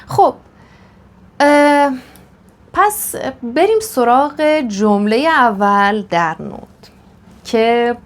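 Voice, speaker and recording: A woman with a somewhat high voice explains violin technique step by step. She is patient and methodical, pausing on fillers as she thinks. A violin plays between her explanations. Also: lively intonation. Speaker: violin teacher. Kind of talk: instructional explanation. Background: violin playing.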